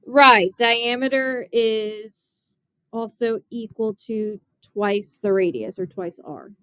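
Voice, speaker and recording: A woman's voice: on the high side, takes it slowly, a bit bright, smooth, dry recording. A young woman math teacher giving a classroom geometry lesson, explaining step by step and often asking her students questions.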